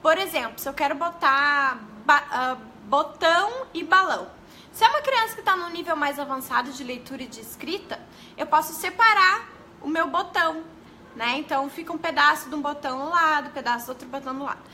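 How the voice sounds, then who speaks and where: Bright-voiced woman teaching live. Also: high-pitched, a little fast, a little hiss or hum. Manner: chatty, addresses viewers as "gente", self-corrects often. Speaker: teacher giving a live class. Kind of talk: casual live-stream teaching.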